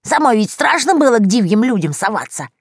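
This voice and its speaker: A woman's voice: on the high side, big pitch swings, a little fast, husky, no room sound, clean studio sound, voice pushed up, exaggerated voice. A woman voicing a blunt, scolding old witch who sighs at her sister. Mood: telling. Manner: sighing, scolding.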